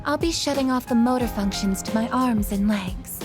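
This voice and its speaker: A woman voicing a gentle, formal android girl in a video game. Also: fairly high pitch, normal speed, natural voice. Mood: tender, hesitant. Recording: game music behind the voice.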